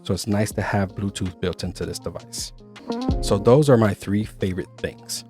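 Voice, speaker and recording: Low-voiced man reviewing gear. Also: moderate pace, darkish tone, faint music behind. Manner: chatty, explains step by step. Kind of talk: casual product review.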